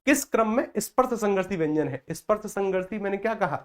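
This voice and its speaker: A man's voice: high voice, lively intonation, quick pace. Hindi-speaking man teaching a grammar lesson. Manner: repetitive, checks in with listeners often. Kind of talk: explaining mock test answers in a lesson.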